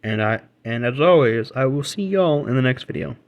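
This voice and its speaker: A man's voice: mid-range voice, animated, normal speed, muffled recording. A man hosting his own gaming reaction channel, ranting his opinions casually with many restarts and self-corrections. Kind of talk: casual opinion rant to camera.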